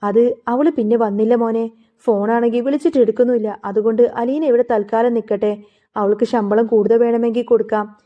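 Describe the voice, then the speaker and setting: A woman's voice: on the high side, fairly even intonation, fairly quick, lightly acted. A woman voicing a proud, bedridden middle-aged mother who scolds sharply. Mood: pleading. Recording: phone-like narrow sound.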